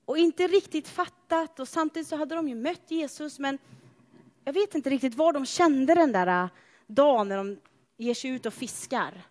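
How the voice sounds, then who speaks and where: High-voiced woman preaching in a reverberant church. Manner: animated, chatty storytelling with playful asides to the congregation. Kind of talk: sermon.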